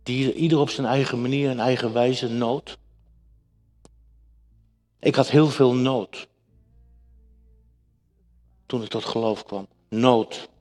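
A man's voice: mid-range voice, steady tone, slow pace, long pauses, a little mellow. A man preaching a sermon to his congregation, emphatic and repetitive, speaking to them directly. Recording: echoey hall with long reverb.

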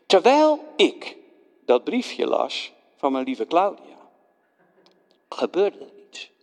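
A man's voice: a little high, wildly swooping pitch, slow, big-room sound, full character voice. A man preaching a dramatic first-person sermon as Pontius Pilate, a self-justifying Roman governor who stammers and pleads with his listeners. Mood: indignant.

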